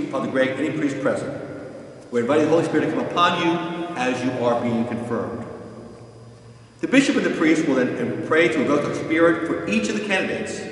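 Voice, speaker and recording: An older man, a pastor, gives calm, step-by-step instructions and often restarts his sentences. He stands some distance from the microphone in a large, empty church, and his voice rings with a long reverberation. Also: a little high. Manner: calm, plain explaining with frequent restarts. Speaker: parish pastor. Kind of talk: instructional walkthrough. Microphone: far camera. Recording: echoey church from far off.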